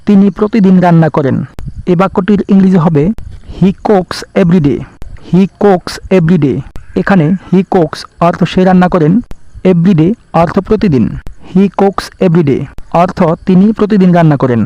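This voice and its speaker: A man teaching spoken English, saying each sentence slowly and carefully, then explaining it word by word. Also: sits high, mellow, dry recording. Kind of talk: slow, careful lesson narration. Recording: dull lo-fi recording.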